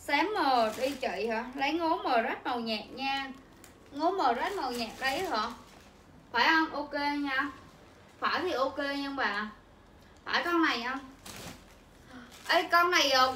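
Young woman hawking clothes on a livestream, high bright voice, echoey room. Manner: chatty, repetitive sales patter to viewers. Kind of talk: livestream selling chat. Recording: echoey room with faint ambient noise.

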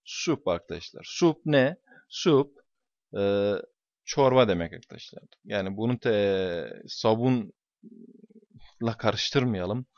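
A man's voice: lowish voice, animated, slow pace, vocal fry, a little mellow, dry recording. Emphatic man teaching in a dull recording. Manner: emphatic, repeats key words. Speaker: English teacher. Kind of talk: explaining exam questions.

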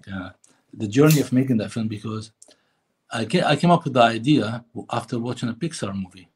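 A man's voice: medium pitch, lively intonation, brisk, darkish tone, slightly rough, poor audio. A middle-aged man from Lebanon, a filmmaker answering interview questions over a video call, talking hesitantly. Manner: hesitant, many fillers and restarts. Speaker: filmmaker guest. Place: room indoors.

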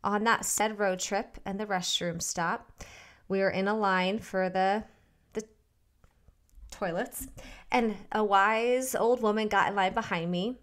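A woman's voice: mid-range voice, fairly even intonation, unhurried, fairly bright tone. A woman co-hosting a podcast who tells a short story and wraps up the episode in a friendly way. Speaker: podcast co-host. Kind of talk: casual chat, wrapping up an episode.

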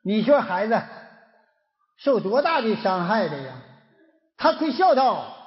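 A man's voice: sits high, very animated, measured pace, dull audio. A man from Northeast China with a Northeastern Mandarin accent, giving an earnest moral lecture full of rhetorical questions, recorded in a lecture hall.

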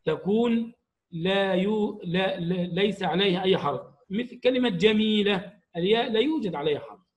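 Male teacher with a high voice, patient and explanatory, stresses each example word. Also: expressive, brisk, low-quality recording. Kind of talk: grammar lesson for young pupils.

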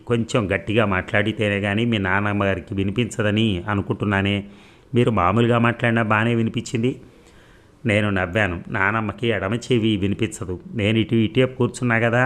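Low-voiced man reading a novel aloud. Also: a bit bright. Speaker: narrator. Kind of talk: audiobook reading of a serial novel.

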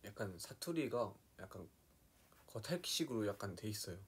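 A soft-spoken young man chatting casually on a live stream, slipping into quiet asides and playful dialect impressions. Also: lowish voice, big pitch swings, moderate pace, husky.

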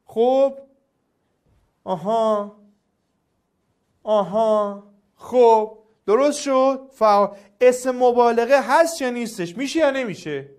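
A male teacher giving a classroom grammar lesson, coaxing and quizzing his students in a lively way. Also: very high voice, pauses often, clean tone.

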